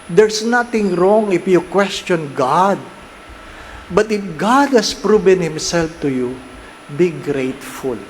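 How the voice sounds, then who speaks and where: A Filipino priest preaching a homily in a fairly high voice, taking his time with each phrase. He switches between Tagalog and English and keeps checking in with the congregation through questions. A faint hum of noise sits behind him. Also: low-quality recording. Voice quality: mixes Tagalog and English, asks the listeners frequent rhetorical questions. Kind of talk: sermon.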